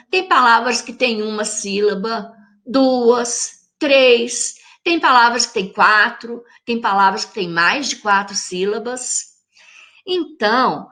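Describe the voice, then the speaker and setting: Bright-voiced Brazilian woman teacher. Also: sits high. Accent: Brazilian Portuguese. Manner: patient, speaks straight to the children with check-in questions; spells words out syllable by syllable. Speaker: primary school teacher. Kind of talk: recorded lesson for children.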